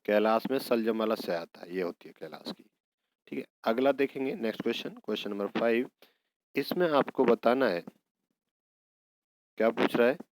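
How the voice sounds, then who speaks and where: A man's voice: mid-range voice, animated, normal speed, pauses often, no echo, rough recording. A man teaching an exam prep lesson, working through each question step by step and answering his own prompts.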